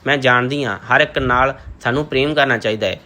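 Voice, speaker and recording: A man's voice: medium pitch, fairly quick, pushed and bright, lightly acted. A man voicing an innocent, earnest young village girl who asks wondering questions, in an audiobook novel.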